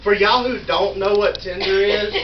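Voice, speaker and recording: A man's voice: sits high, fairly even intonation, normal speed. A man, doing a live stand-up set, mocking himself and bantering with the audience in a small room. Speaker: stand-up comedian. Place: small indoor venue in a wine store. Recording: roomy, distant, dull live recording with crowd ambience.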